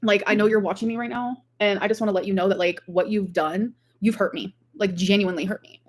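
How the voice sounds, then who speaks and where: A fast-talking woman with a medium-pitched, steady voice rambles through a casual livestream. She reads out comments from viewers and fills her speech with frequent "like"s.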